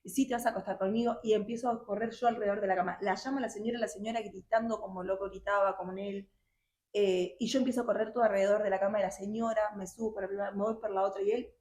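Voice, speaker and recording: Halting young woman, roomy sound. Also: medium pitch, steady tone, darkish tone. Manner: halting, emotional storytelling with many restarts. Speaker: guest sharing her testimony. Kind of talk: personal testimony in conversation. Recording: roomy echo.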